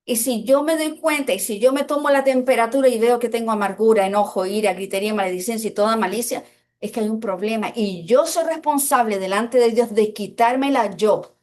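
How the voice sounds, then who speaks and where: A woman preaching a sermon in a church, slowing down to stress scripture and putting questions to the congregation. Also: a little high, a little mellow.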